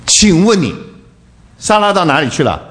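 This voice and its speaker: Man preaching with lively pitch swings. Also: moderate pace. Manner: animated, rhetorical questions to the congregation. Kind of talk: sermon.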